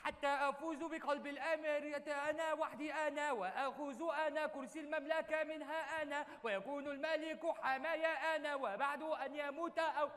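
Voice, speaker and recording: An actor with an Egyptian accent playing a scheming young suitor who speaks in pompous mock-formal Arabic in a live stage comedy. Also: male voice, very high-pitched, fairly even intonation, brisk, hardly any pauses, a bit bright. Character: scheming young male suitor plotting for the throne. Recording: theater stage with long reverb.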